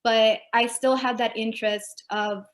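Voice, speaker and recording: A woman answers a panel question over a video call, her delivery level and even with little rise and fall. She speaks conversationally, leaning on fillers as she thinks aloud. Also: a little high, measured pace. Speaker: panelist, first-generation student.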